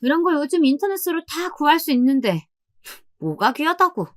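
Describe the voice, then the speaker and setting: A woman voicing a condescending older sister-in-law who mocks and scolds in a raised, sharp voice. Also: high voice, sing-song, moderate pace, no room sound, voice pushed up. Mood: sneering. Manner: mocking, scolding, looks down on others.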